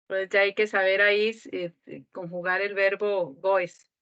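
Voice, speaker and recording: A woman's voice: mid-range voice, level tone, measured pace, fairly bright tone, smooth, no room sound. Woman student, polite and hesitant, thinks aloud, close dry sound, muffled lo-fi audio. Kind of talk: asking questions in class.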